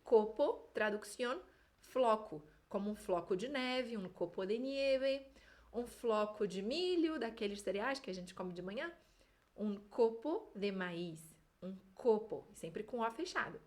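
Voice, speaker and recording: A woman with a Rio de Janeiro accent teaching a Spanish pronunciation lesson, modelling sample words slowly and with exaggeration. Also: fairly high pitch. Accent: Rio de Janeiro Brazilian Portuguese. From Brazil.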